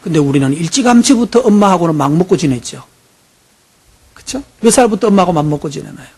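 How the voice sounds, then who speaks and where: A man's voice: sits high, expressive, quick pace, darkish tone, breathy edge. A man preaching a sermon as pastor, telling a story, acting out voices and putting questions to the congregation.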